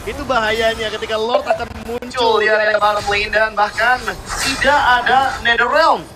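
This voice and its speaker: A man's voice: very high-pitched, fairly even intonation, normal speed, loud music behind the voice. A man analysing a live game tournament as commentator, dramatically posing rhetorical questions.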